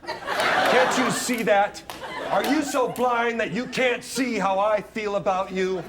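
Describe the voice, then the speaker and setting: A man's voice: sits high, slow. A man playing a melodramatic, lovesick heartthrob with soap-opera intensity in stage improv comedy. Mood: pleading. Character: melodramatic lovesick young heartthrob movie actor. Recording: loud studio audience noise and laughter.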